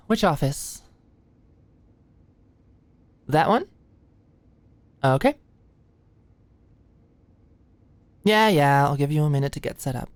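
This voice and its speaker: A woman acts as a young, low-voiced female medical student in a casual, playful ASMR roleplay, recorded close and dry with no echo. She is anxious but friendly, talking in a hesitant, chatty, nervous way, easily flustered around the person she secretly likes.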